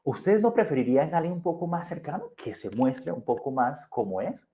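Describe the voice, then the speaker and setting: A man's voice: fairly high pitch, very animated, a little fast, mellow. A man with a Bogotá Colombian accent, a public speaking consultant giving a virtual conference lecture in a conversational way. He often checks in with his listeners. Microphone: video call. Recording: muffled video-call audio.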